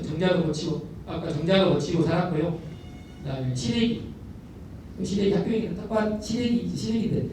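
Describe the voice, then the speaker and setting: Heard from far off in a big, echoing lecture hall with faint background noise, a middle-aged man tells stories in a talk. He is an elementary school principal with a voice on the high side. He speaks animatedly and repeats words to stress them.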